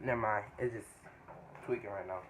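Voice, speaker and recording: In a noisy home recording marked by clicks, a young American man narrates his home cooking vlog from the kitchen. His voice is lowish and steady, his pace brisk, and he chats casually in slang, often repeating himself.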